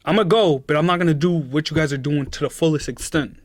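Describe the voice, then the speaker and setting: A man's voice: a little high, quick pace, no echo, studio quality. A twenty-year-old man chatting casually on a live stream, giving his chat an earnest, preachy pep talk.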